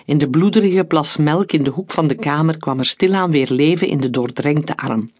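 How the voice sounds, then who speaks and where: Steady storybook narrator. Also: medium pitch, normal speed, no echo, studio quality. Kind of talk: scripted narration.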